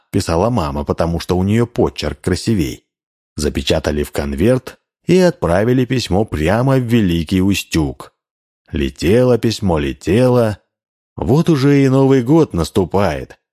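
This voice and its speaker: A man reading a children's holiday story aloud in an animated storytelling manner. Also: on the low side. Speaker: narrator.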